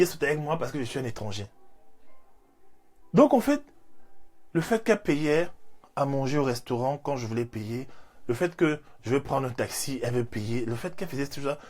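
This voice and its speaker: Male life coach, thirties, animated faith talk, mid-pitch, soft music bed. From Cameroon. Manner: animated, repeats phrases, leans on fillers.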